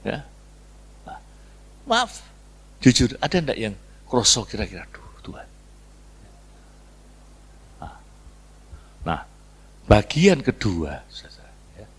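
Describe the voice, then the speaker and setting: A middle-aged man preaching a sermon, swinging between hushed asides and loud emphatic lines. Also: on the low side, huge pitch swings, slow, pauses often, a little hiss or hum. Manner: acts out voices of congregants in mock tones. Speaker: pastor. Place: church.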